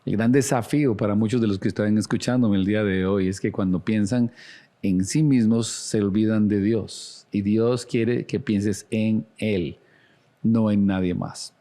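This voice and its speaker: A man's voice: lowish voice, fairly even intonation, measured pace, dark tone. A man preaching a sermon as a pastor, earnest and speaking straight to the listener with direct questions. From Latin America.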